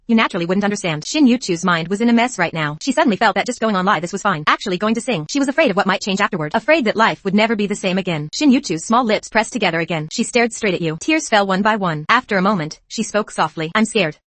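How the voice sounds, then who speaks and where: A woman reading the narration of a dubbed motion comic in a brisk, even storybook manner. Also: medium pitch, no echo. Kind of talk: scripted narration.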